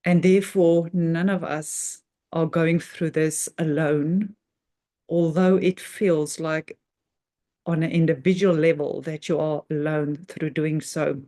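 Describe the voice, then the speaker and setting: In this unscripted spiritual talk, a woman guiding a meditation speaks with reverence and earnestness. Her low-pitched, mellow voice keeps a fairly even intonation, moving in short, halting phrases and measured pauses.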